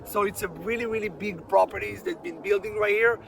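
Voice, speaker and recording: A man's voice: sits high, fairly quick, vocal fry, a bit bright, slight background noise, low-quality recording. A man hosting a podcast interview outdoors, chatty and often repeating words as he searches for phrasing. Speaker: podcast host. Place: outdoors on a property.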